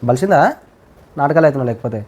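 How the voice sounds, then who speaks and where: A man's voice: mid-range voice, very fast, warm tone. A man arguing with his wife in a casual home prank, brushing off blame and scolding her bluntly. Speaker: husband pulling a prank. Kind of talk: casual domestic argument.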